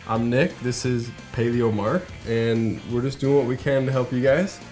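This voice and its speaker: A man's voice: medium pitch, steady tone, normal speed, darkish tone. A man from Minnesota hosting a casual cooking demonstration, talking viewers through each step in an upbeat, chatty way. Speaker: cooking show host. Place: garage kitchen. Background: faint background music and frying.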